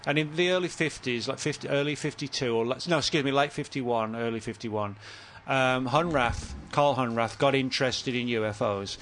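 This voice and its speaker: Bright-voiced man telling a long story. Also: medium pitch, moderate pace, hardly any pauses, slight background noise. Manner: rambling, self-correcting storyteller. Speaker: author guest. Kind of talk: casual podcast conversation.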